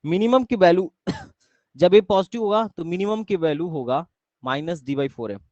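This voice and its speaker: A young man teaches a live math class, repeating his questions and asking the students to answer. His voice sits a bit high. The sound is dry and dull, like an online call. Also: animated, normal speed, darkish tone, no room sound. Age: young adult.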